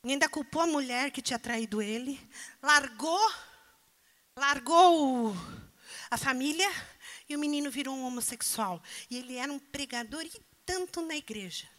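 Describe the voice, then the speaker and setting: A woman's voice: sits high, animated, moderate pace, a bit bright. A woman preacher delivering a sermon, pressing the congregation with emphatic rhetorical questions.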